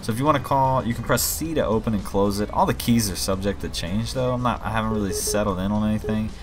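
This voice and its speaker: A man with a fairly low voice speaks quickly as he walks through gameplay of his own game mod, explaining things in an informal, rambling way. Behind him are game music, vehicles and police sirens.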